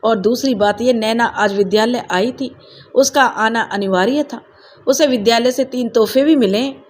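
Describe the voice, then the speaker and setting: A stern school principal in a spoken storybook, as the woman narrator puts her on, pitched noticeably higher than the narration. She talks in firm, reproachful sentences, and a faint hiss of ambience sits under the voice. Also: moderate pace, close to an everyday voice. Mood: stern rebuke.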